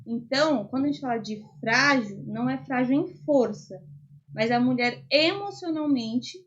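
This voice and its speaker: A young woman with a Brazilian Portuguese accent talks earnestly and casually, leaning on fillers as she explains. Her voice sits high, and the recording sounds dull and lo-fi. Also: normal speed. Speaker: podcast guest. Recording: dull lo-fi audio.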